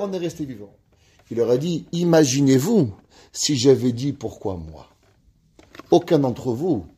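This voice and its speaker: Man, rabbi, ethics lesson, storytelling, rather high voice. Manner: lively storyteller, reads Hebrew passages aloud. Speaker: rabbi teaching a Torah class.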